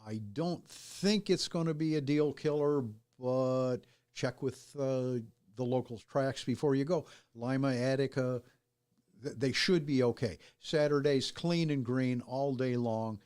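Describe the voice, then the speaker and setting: Relaxed man giving a casual weather segment. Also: medium pitch, unhurried, clear, resonant tone. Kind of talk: casual talk-show banter.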